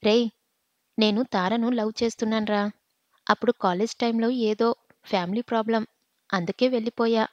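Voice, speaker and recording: A woman's voice: fairly high pitch, steady tone, moderate pace, long pauses, no echo, lightly acted. A woman voicing a pushy, hot-tempered young man who demands answers and then pleads, in a storybook reading. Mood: pleading. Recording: dull dry lo-fi recording.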